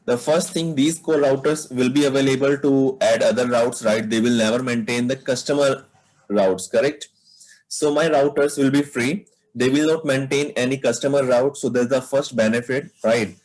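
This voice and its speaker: A man's voice: mid-range voice, steady tone, moderate pace, darkish tone, low-quality recording. Guy teaching a tech class on a video call, keeps asking "right?" as he explains. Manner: explains step by step, asks students questions, frequent "right?". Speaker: networking instructor. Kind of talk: live online class lecture.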